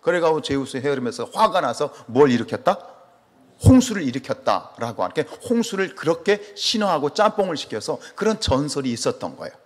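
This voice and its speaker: In the long-reverb acoustics of a church sanctuary, a pastor from Chungcheong, South Korea, preaches a little fast in a slightly high voice. He speaks with a Chungcheong Korean accent and animatedly questions the congregation, then gives the answers himself.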